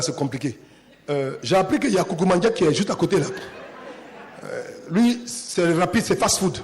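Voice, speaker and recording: Impassioned high-pitched male preacher. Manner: impassioned preaching, swings from hushed to shouting; call-and-response repetition. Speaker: pastor. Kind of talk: sermon. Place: church.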